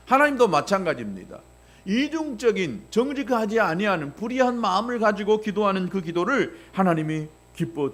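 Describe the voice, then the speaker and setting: A male pastor delivering a sermon. He asks the congregation rhetorical questions and acts out little voices along the way. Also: sits high. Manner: animated preaching with rhetorical questions, acting out voices.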